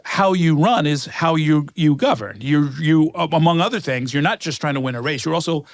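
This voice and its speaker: A man's voice: a little high, brisk. A man interviewing a guest in a loose, conversational way with many fillers.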